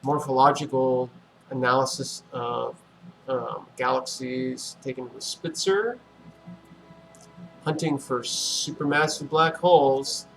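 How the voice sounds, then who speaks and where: A man hosting a casual livestream, thinking aloud in a relaxed, musing way with many fillers. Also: mid-range voice, takes it slowly, gravelly, soft background music, poor audio. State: relaxed and yawning. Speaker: livestream host.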